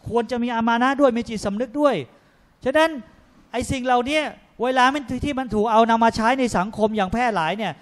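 A man lecturing on a religious panel in a lively, joking way, acting out people's voices in his stories. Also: very high voice, quick pace. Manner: often tags sentences with polite particles. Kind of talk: religious panel talk to an audience.

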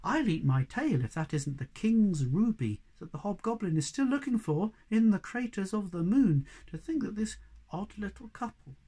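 A reader voicing a small gentle young male troll who speaks softly and muses, sometimes in a whisper. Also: mid-range voice, animated, normal speed, husky, voice pushed up. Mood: amazed. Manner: soft, musing, sometimes whispering.

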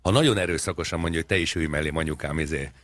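A man's voice: a bass voice, a bit bright. A man co-hosting a radio talk show, chatting in a wry, rambling way, spinning absurd jokes with frequent hesitations. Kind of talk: comedic casual chat.

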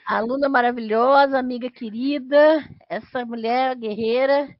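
A Brazilian woman with a fairly high voice hosts a casual livestream. She speaks hesitantly, doubling back on words, in a dry, slightly dull recording with no room sound. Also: steady tone, normal speed, no room sound. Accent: Brazilian Portuguese. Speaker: host of a podcast livestream. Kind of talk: casual live chat. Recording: dull, dry lo-fi stream audio.

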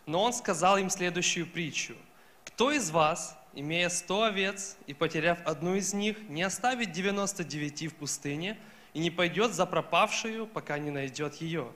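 A man's voice: a little high, moderate pace, bright, forceful tone. A young man reading scripture aloud into a handheld microphone on a stage. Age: young adult. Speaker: scripture reader. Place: stage in a large hall.

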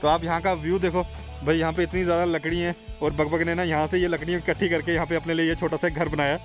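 A young man hosting a motorcycle vlog, talking quickly and chattily to his viewers on a chilly mountain road. His voice sits a little high, and faint music plays under him. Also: flat delivery. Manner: chatty, keeps calling out to viewers as "guys" and "bhai". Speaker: motovlogger host. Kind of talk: casual vlog narration. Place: outdoors on a cold mountain road.

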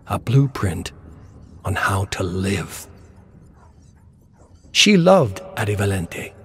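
In a mid-range voice, a man reads game lore as scripted narration, telling it dramatically and deliberately with weighty pauses.

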